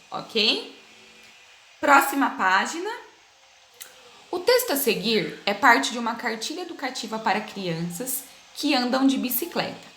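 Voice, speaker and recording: A Brazilian woman teacher giving a recorded class to young children, speaking slowly and patiently, stretching words for emphasis. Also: fairly high pitch, a bit bright, echoey room. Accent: Brazilian Portuguese. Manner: slow, patient, drawn-out emphasis with diminutives.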